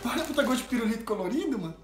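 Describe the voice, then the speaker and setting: A man's voice: very high-pitched, animated, rapid-fire. A young Brazilian man chatting casually and using slang as a challenge participant. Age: young adult. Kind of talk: casual chat. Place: open glass-walled lounge at a country house. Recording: echoey room, loud music over voices.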